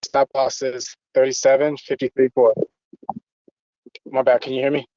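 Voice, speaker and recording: Flat-voiced man on a dull call line. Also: medium pitch, moderate pace, dry recording. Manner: casual, slangy. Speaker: member on call. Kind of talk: casual chat.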